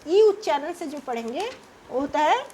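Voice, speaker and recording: A woman's voice: high-pitched, sing-song, normal speed, dark tone, a little hiss or hum. A woman teaching English pronunciation, spelling words out letter by letter and asking the class questions. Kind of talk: slow spelling-out lesson.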